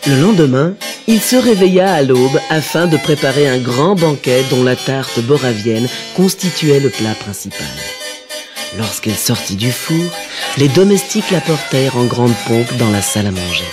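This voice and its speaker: Conteur masculin pour enfants, voix très animée, musique légère derrière. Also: male voice, medium pitch, moderate pace, music in the background. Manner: expressive, storytelling. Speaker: narrator. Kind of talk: children's story narration.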